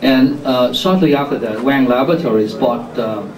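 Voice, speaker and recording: A man's voice: mid-range voice, moderate pace, crowd noise. A man from Hong Kong in his fifties introducing himself on a panel, joking and chuckling at his own lines. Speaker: panelist entrepreneur. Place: conference hall before an audience. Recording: roomy hall mic from far off with audience.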